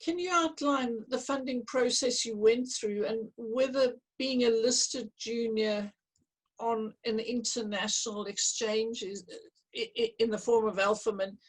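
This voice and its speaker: A woman chairing a virtual panel discussion, asking measured questions with some hesitant restarts. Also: a little high, fairly even intonation, low-quality recording.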